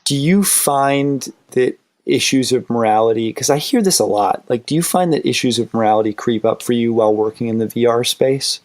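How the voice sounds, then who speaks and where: A man's voice: medium pitch, normal speed, few pauses, a little mellow. A man hosting a podcast, asking loose, friendly questions with some restarts. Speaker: podcast host. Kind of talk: casual interview questions.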